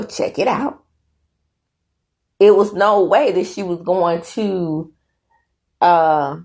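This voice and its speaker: A woman with a fairly low, slightly mellow voice runs her own commentary channel. She shares her opinions in a chatty, emphatic style, capping her points with "okay?"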